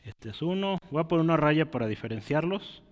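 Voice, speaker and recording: A man's voice: on the high side, lively intonation, brisk, muffled recording. A man preaching a teaching sermon at a board, in a conversational way that keeps checking with his listeners. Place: church hall. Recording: long reverb of a church hall.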